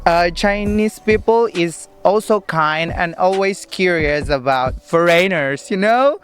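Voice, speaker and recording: A man's voice: high voice, unhurried, a bit bright, soft background music. A young man from Indonesia with an Indonesian accent, answering interview questions outdoors in a park. He is upbeat and chatty but hesitant, with many fillers. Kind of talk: casual street interview.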